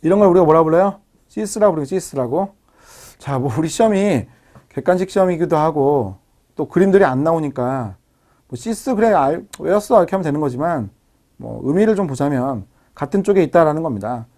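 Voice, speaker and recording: Quick, slightly high-voiced male teacher; drills terms by repetition and checks in with students. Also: expressive, warm tone. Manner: explains step by step, repeats key terms, checks in with tag questions. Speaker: biology lecturer. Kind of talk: recorded exam-prep lecture.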